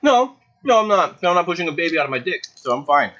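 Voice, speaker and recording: A man's voice: on the high side, sing-song, fast talker, pushed and bright. A young man co-hosting a podcast in casual chat, joking and laughing often. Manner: joking, laughs often, talks with his mouth full. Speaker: podcast co-host. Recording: dull lo-fi mic.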